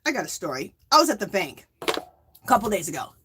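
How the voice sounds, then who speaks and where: A woman hosts a yarn crafting livestream, casually chatting with viewers, reading their comments aloud, and laughing often. She's emphatic, tagging points with "okay?" and "Hello?". Her mid-range voice is fast, bright, and forceful with big pitch swings, over slight background noise.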